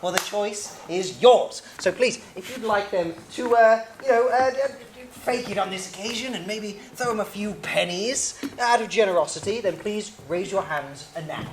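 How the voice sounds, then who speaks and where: A woman's voice: mid-range voice, moderate pace, few pauses, background noise. A woman improvising the narration as story master of a live comedy show, full of hesitant fillers. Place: small theatre stage. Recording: roomy theatre with audience.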